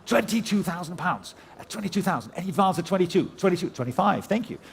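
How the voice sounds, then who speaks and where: High-pitched male auctioneer calling bids. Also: animated, fast, vocal fry, a little hiss or hum. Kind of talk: live auction calling, rhythmic repeated bids.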